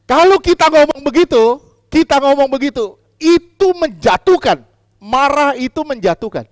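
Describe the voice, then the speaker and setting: A man preaching a sermon as pastor, putting questions to the congregation, repeating key lines and swinging between loud emphatic lines and quiet asides. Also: very high voice, animated, moderate pace, no echo, studio quality.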